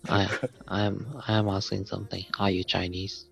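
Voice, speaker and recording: A man's voice: sits low, monotone, unhurried, vocal fry, breathy edge, full character voice. A man voicing a rude male internet spam troll who taunts in broken English. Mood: taunting.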